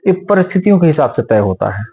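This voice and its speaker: Husky measured lawyer man. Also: fairly high pitch, sing-song, a little mellow. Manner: measured, lecturing, uses homely examples. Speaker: senior advocate. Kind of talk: explanatory interview answers.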